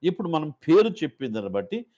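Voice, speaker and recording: A man's voice: fairly high pitch, big pitch swings, fast, mellow. A man training Sunday school teachers, explaining methods step by step in a loose, informal way. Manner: explains step by step, with many fillers and restarts. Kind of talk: instructional talk.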